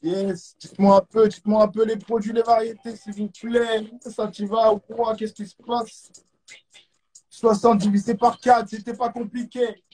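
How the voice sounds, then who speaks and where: A man's voice: high voice, level tone, moderate pace, darkish tone, breathy edge. A man with a French accent hosting a live stream quiz, hyped, repeating catchphrases and throwing in English exclamations. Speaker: host of a live stream show. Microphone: phone or webcam on a live stream.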